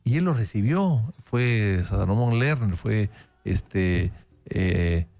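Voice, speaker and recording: A man's voice: lowish voice, expressive, slow pace, a little mellow, faint music behind. A man hosting a radio political interview, telling anecdotes with many "eh" fillers. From Peru. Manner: conversational anecdotes, frequent fillers. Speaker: radio host.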